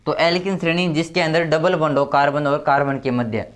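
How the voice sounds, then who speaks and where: A man teaching chemistry step by step, who repeats key terms and counts slowly aloud. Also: on the high side. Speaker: chemistry tutor. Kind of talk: explaining step by step at a board.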